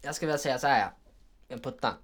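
A man co-hosting a podcast in casual banter, easygoing, reading out riddles slowly. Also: mid-range voice, fairly bright tone, slight background noise. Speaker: podcast co-host, quiz reader.

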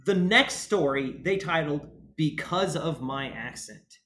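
Halting man in an echoey room. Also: on the high side, expressive, fairly bright tone. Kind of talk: casual discussion of a research paper. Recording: echoey, roomy recording.

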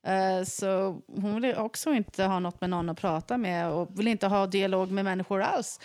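Woman chatting, mid pitch, lively, laughs a lot. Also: smooth. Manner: animated, laughs often. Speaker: guest in group talk. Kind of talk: casual chat.

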